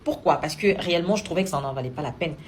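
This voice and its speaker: A woman's voice: sits low, rapid-fire, a little mellow, slight background noise. A woman from Cameroon, giving indignant, sarcastic opinion commentary to camera as a vlogger.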